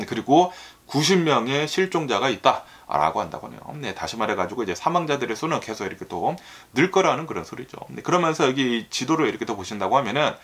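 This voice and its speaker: A man talking casually to his viewers about the news, rambling and filling every pause with little filler words. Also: medium pitch, a bit bright, breathy edge. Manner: filler-heavy, constant "ne" and "ireoke tto"; rambling and talkative, sometimes laughs. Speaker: YouTuber reviewing US news. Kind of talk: casual solo video talk.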